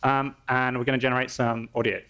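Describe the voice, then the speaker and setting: A man's voice: mid-range voice, level tone, a little fast, sharp tone, clear, resonant tone. Man explaining a live tech demo. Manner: conversational and explanatory, with frequent restarts. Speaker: engineer presenting a product demo. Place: conference stage.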